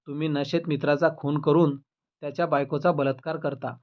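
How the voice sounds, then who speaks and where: A man voicing a rough, mocking police officer who sneers at a drunk suspect, in a dull lo-fi recording. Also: on the high side, flat delivery, fairly quick, natural voice. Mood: sneering. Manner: sneering, scolding.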